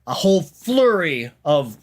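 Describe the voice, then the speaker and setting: Male game master, slightly high voice, slow and dramatic tabletop narration with pauses. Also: big pitch swings.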